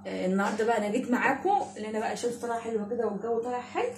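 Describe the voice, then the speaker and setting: A woman's voice: on the high side, steady tone, rapid-fire, darkish tone. A woman in her thirties with an Egyptian accent, chatting affectionately to her viewers about home cleaning as a mother and vlogger. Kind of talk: casual chat to viewers. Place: home indoors. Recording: echoey room, distant mic, noisy.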